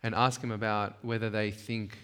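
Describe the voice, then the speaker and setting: A man's voice: fairly low pitch, flat delivery, moderate pace, fairly bright tone, clean tone. A man leading a church workshop session, talking conversationally and emphatically, often checking in with the audience. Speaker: workshop speaker. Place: church hall. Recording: long hall reverb.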